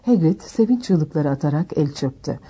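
A woman narrating a storybook aloud in a steady, measured reading voice. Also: deep voice, slightly rough. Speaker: audiobook narrator.

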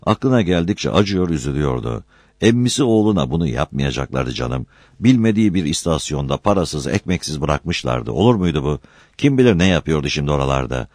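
A man narrating a novel in steady audiobook narration. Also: rumbling low, fairly quick, dry recording, studio quality. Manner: steady storytelling.

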